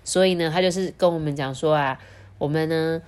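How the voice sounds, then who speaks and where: A woman's voice: low-pitched, a little fast. A woman with a Taiwanese Mandarin accent and slightly slurred, non-standard pronunciation, telling stories and chatting expressively to children as a podcast host. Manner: expressive, addresses child listeners directly. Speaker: storytelling podcast host, mother. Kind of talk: children's storytelling and chat.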